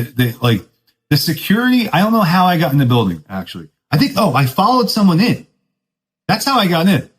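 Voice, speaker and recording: A man's voice: a little high, poor audio. Laid-back man telling a rambling story. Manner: laid-back surfer talk, keeps saying "dude"; rambling, self-mocking, laughs often. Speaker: podcast host. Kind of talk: casual storytelling monologue.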